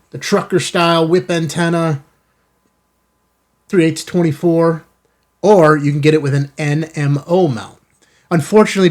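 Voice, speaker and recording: A man with a somewhat high, slightly mellow voice hosts a casual unboxing video for his ham radio channel, recorded in a studio. He talks to viewers in an enthusiastic, folksy way, adding self-kidding asides.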